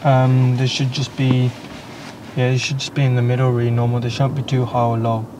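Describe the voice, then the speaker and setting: A man's voice: medium pitch, completely flat delivery, a little fast. A young man answering as a learner driver in a casual lesson, with short, tentative replies. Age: young adult. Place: inside a parked car. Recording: clear car background noise.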